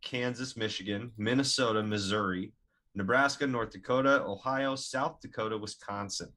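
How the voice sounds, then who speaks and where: Relaxed low-voiced podcast man. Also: normal speed. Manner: relaxed, matter-of-fact. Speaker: podcast co-host. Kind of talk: casual sports podcast chat.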